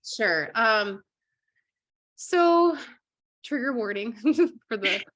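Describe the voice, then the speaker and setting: A woman's voice: a little high, lively intonation, very slow, fairly bright tone. A young adult woman from Minnesota, an interview guest talking frankly and candidly, often restarting her sentences. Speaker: interview guest, writer and journalist.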